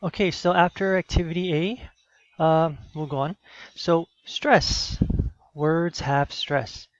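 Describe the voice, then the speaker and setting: A man teaching in a screencast lesson, explaining patiently with many fillers and quick check-ins. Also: on the high side, steady tone, no echo, highs cut off.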